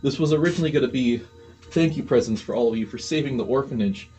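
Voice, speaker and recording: A man voicing a worried older male caretaker of an orphanage, who speaks haltingly and repeats words. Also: medium pitch, dark tone, faint music behind, voice pushed up, close to an everyday voice.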